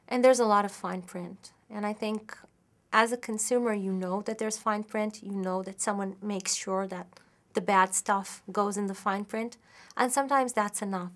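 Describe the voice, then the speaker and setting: A woman lecturer in marketing giving an expert explanation, measured and methodical, building her points with examples and sometimes correcting herself mid-sentence. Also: medium pitch. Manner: occasional restarts and self-corrections.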